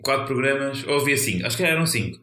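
A man's voice: mid-range voice, lively intonation, fast, pushed and bright. Rambling Portuguese man, roomy echo. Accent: European Portuguese. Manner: rambling, full of slang fillers. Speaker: comedian. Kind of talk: casual podcast chat.

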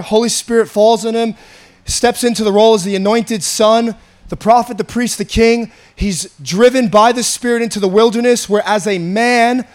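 A pastor preaches an earnest, conversational sermon, repeating himself often. His male voice is high, with a raspy, slightly hoarse quality.

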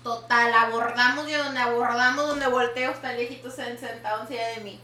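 Bright high-voiced woman, lively storyteller. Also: fairly quick, slight background noise. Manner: animated, dramatic storyteller switching between Spanish and English. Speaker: podcast host. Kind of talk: casual storytelling chat. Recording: echoey room with faint ambience.

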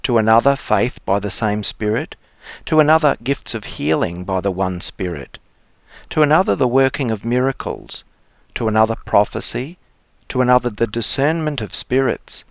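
A man speaking as a cleric, giving measured, formal scripture readings and reflection. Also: mid-range voice, no echo. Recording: dry, slightly dull close sound.

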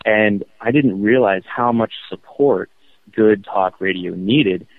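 Thirties male radio show caller on a tinny phone line, earnest, restarts often, low-ish voice. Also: no echo. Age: 30s. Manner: earnest, halting, with many restarts. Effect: phone-line call-in audio. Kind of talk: casual call-in chat.

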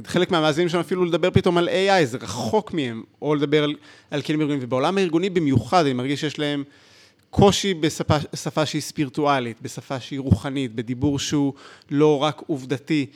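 A male podcast host speaking reflectively, thinking aloud as he frames his questions. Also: fairly high pitch. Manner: thoughtful, searching. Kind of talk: reflective interview talk.

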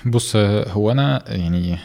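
A man's voice: on the low side, normal speed, gravelly, darkish tone. A man with an Egyptian Arabic accent, a podcast guest chatting casually and telling stories in an interview.

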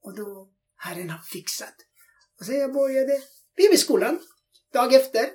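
A man's voice: very high-pitched, lively intonation, warm tone. A man telling a personal faith testimony in an interview, speaking in non-native Swedish and acting out the dialogue in his story with feeling.

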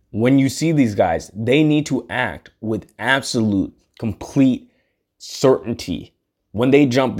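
A man's voice: fairly low pitch, a little mellow. A man hosting a podcast, talking in a casual, earnest, rambling monologue and swearing freely. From United States. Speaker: podcast host.

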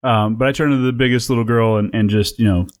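A man's voice: medium pitch, steady tone, fast. A man co-hosting a casual podcast, rambling and laughing as he tells stories and acts out quotes. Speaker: podcast co-host. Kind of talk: casual banter.

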